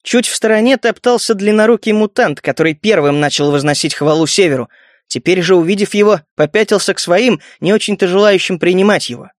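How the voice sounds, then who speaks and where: A man narrating an audiobook in a steady storytelling manner. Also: high-pitched, brisk, no room sound, studio quality. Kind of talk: scripted narration.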